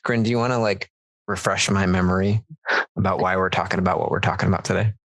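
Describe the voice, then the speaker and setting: A man hosts a casual podcast, his voice low and gravelly. He sounds relaxed and restarts sentences as he talks. The recording is dry and close. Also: quick pace, dry recording, rough recording. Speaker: podcast host.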